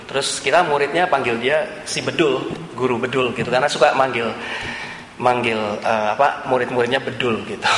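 A man's voice: mid-range voice, a bit bright, slight background noise. A man preaching a sermon, often turning to his listeners with repeated rhetorical questions. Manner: keeps addressing listeners as "brother", asks repeated rhetorical questions. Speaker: pastor. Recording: echoey hall with long reverb, faint room ambience.

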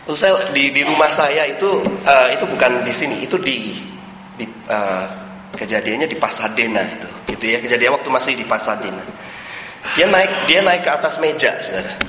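A male preacher giving an animated sermon, often addressing the congregation and dropping English phrases into his talk. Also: mid-range voice, normal speed, slight background noise. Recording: roomy hall with long reverb and faint ambience.

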